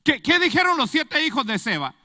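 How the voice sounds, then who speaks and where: Emphatic preaching man, lively high voice. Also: brisk, no room sound, studio quality, long reverb tail. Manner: emphatic, rhetorical questions to the congregation. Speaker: pastor. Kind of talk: sermon. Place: church.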